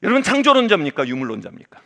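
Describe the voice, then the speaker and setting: Middle-aged male pastor, fairly high and very lively voice, dramatic sermon storytelling that jumps between loud peaks and quiet asides. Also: rapid-fire, creaky. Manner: dramatic, swings between loud exclamations and hushed low asides.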